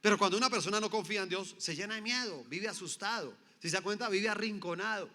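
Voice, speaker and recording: A man's voice: high-pitched, fast talker, pushed and bright, long reverb tail. A man, preaching a sermon as a pastor and emphatically asking his congregation rhetorical questions.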